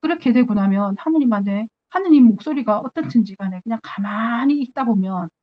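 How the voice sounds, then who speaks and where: Earnest nun giving a spiritual talk. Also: female voice, a little high, lively intonation, brisk, dull audio. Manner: earnest, acts out her own prayers to God.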